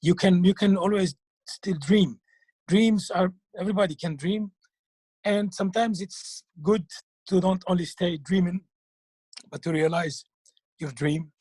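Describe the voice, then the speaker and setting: Husky man, halting and earnest. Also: sits high, darkish tone, no room sound. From Algeria. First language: French. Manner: earnest, halting, repeats words while searching for them. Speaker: clown and children's TV performer. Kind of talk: interview answers.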